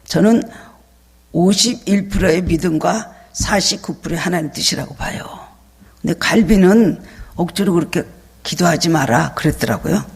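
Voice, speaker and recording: A man's voice: high-pitched, creaky, breathy edge. A man pastor delivering an emphatic sermon in a church, at times acting out a child's pleading voice. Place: church sanctuary. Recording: long church reverb.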